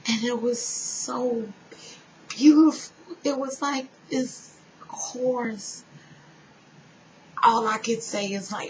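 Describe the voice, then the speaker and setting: A woman giving an earnest personal spiritual testimony, speaking straight to her listeners and dropping now and then to a soft whisper. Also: on the high side. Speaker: spiritual storyteller. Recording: dull lo-fi sound with faint noise.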